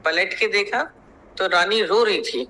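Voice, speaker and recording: A man with a high, pushed, bright voice speaks a little slowly as a teacher giving a spiritual discourse. He tells stories, acts out their dialogue, and repeats phrases to drive his point home. The audio is poor, with slight background noise.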